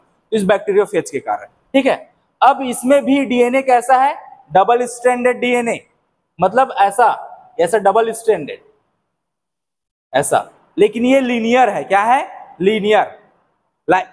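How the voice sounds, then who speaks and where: Male biology teacher, very high voice, quizzes the class and answers himself. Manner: asks questions and answers them himself. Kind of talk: classroom-style lecture.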